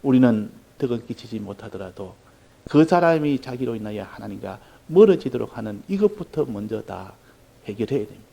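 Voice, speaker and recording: A Korean man preaching a sermon from the pulpit. His voice is dark and mellow at a middling pitch. He tells a story earnestly and now and then bursts into loud emphasis. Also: lively intonation, brisk, gravelly, poor audio. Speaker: pastor.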